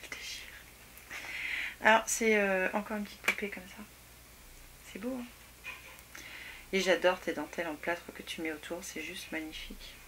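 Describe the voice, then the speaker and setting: A woman chatting casually as she opens fan mail at home, exclaiming and often dropping to soft near-whispers. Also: lowish voice, moderate pace, pauses often. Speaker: beauty vlogger opening fan mail. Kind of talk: casual unboxing chat. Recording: noisy home recording with clicks.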